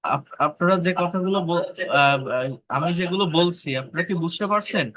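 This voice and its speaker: A Bangladeshi man teaches an online pronunciation lesson, drilling individual sounds and often stopping to check that his students follow. His voice is bright and sits a little high. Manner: repeats sounds slowly for drilling, asks students if they follow. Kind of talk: online class lecture.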